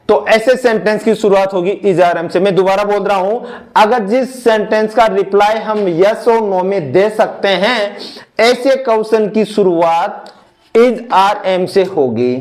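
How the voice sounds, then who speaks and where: Guy teaching english grammar, high voice, talks real slow and says everything twice. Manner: slow, repeats each step, mixes English into Hindi. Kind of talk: online grammar lesson.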